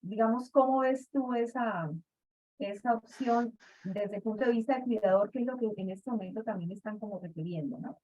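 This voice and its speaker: A woman's voice: a little high, moderate pace, a little mellow. A woman, a seminar participant, asking a question hesitantly with many fillers over a video call. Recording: dull video-call audio.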